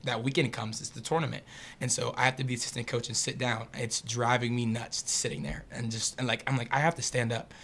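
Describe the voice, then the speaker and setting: A young man from the Pittsburgh area, a podcast guest, telling a story in an animated, casual way and acting out the voices of people he quotes. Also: mid-range voice, brisk, a little hiss or hum.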